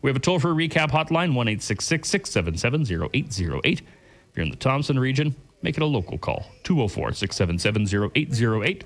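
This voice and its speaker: A man working as a bingo caller on the radio, announcing rules and numbers in a deliberate, repetitive announcer's delivery. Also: fairly low pitch.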